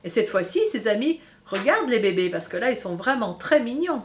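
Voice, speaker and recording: A woman teacher reads a picture book aloud to young children in a fairly high voice. Her delivery is expressive and lively in pitch. She keeps turning to her listeners to comment on the story. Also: fairly quick, slight background noise.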